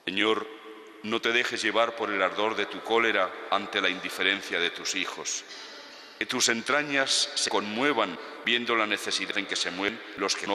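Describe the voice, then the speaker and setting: A man, a priest intoning the prayers of Mass in measured, solemn recitation, with a long cathedral echo around his voice. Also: low-pitched, bright, forceful tone. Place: large church. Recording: echoey church from a distance.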